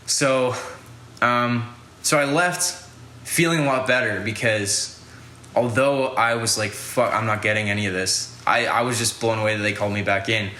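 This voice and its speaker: A man's voice: lowish voice, fairly even intonation, normal speed, bright, forceful tone, echoey room. A young man hosting a podcast, telling a casual story in a rambling way, full of fillers and swearing. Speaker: podcast host.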